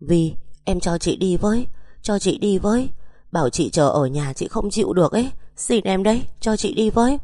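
A woman's voice: fairly low pitch, expressive, brisk, few pauses, mellow, dry recording, clean studio sound. A woman narrator voicing a grieving, panicked young wife who begs to be taken along. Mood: pleading. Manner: pleading, distraught.

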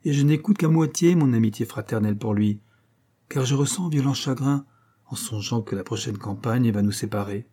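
A rakish young viscount , read aloud by a man, pours out impassioned, declamatory lines. The tone is warm and dark, slightly husky. It stays a storybook reading rather than a full character voice. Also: medium pitch, moderate pace, lightly acted. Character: young rakish viscount, gallant and hot-headed.

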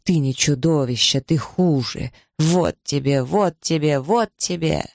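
A man playing a harsh, pious older mother who speaks with slow, cutting scorn, in an audiobook. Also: fairly high pitch, gravelly, no echo, studio quality. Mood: furious.

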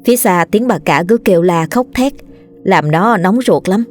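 A woman narrating a scripted horror story in a steady, measured reading. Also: mid-range voice, soft background music.

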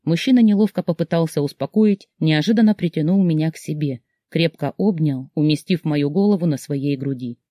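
A narrator reading a first-person story aloud with expressive, emotional delivery. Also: mid-range voice, brisk, few pauses, no room sound, clean studio sound. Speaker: audiobook narrator.

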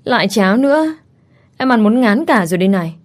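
A woman's voice: medium pitch, moderate pace, darkish tone, close to an everyday voice. Woman reading a pouty young wife. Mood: coaxing. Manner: coaxing, sweetly whiny.

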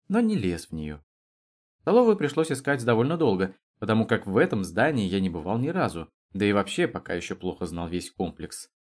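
A man narrating an audiobook in an expressive storytelling manner. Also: mid-range voice. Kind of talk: scripted narration.

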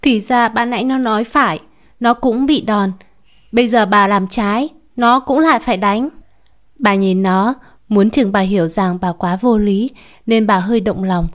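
A woman storyteller reading a short story aloud in a calm, even narration. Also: mid-range voice, moderate pace.

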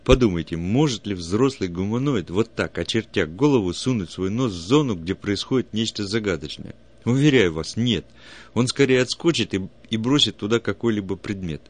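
Eager low-voiced alien curator read by a man, emphatic, storybook. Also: expressive, moderate pace. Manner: emphatic, lecturing. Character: excited male alien project curator.

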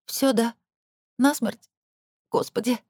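An audiobook narrator voicing an excitable young woman lawyer who keeps protesting defensively. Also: medium pitch, slow pace, husky, no room sound, clean studio sound, pitched above the performer's own voice. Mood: indignant, flustered.

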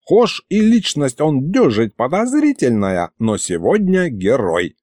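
A man putting on a fretful old granddad from a storybook, rustic and folksy in his speech, sighing and grumbling. The voice jumps around a lot, sits on the warm, mellow side and sounds close and dry. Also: mid-range voice, sing-song, unhurried, dry recording. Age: older.

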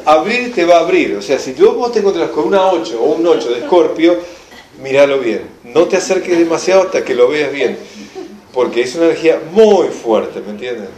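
A man with an Argentine accent giving an informal workshop lecture, emphatic and animated, often checking that the class follows. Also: fairly high pitch, fairly quick, a crowd in the background. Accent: Argentine Spanish. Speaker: enneagram teacher. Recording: echoey room, live class recording.

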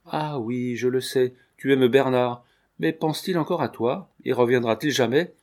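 A man's voice: medium pitch, normal speed, a little mellow, close to an everyday voice. A man reading a young male tailor who earnestly and tenderly pleads his love. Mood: pleading.

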